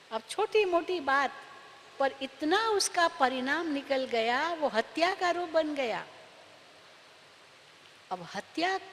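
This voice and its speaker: Slow, emphatic woman in a hall. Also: high voice, slight background noise. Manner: slow, emphatic, repeats phrases for effect. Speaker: spiritual speaker. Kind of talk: spiritual talk on karma.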